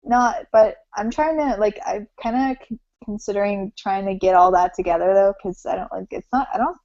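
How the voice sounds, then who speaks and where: A woman hosting a loose, casual chat, wandering through her thoughts and leaning on "like" at every turn. Her voice sits at an ordinary middle pitch. It is recorded dry, with a dull lo-fi sound. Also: normal speed, mellow, no echo. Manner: rambling, says "like" often, self-conscious. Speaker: host.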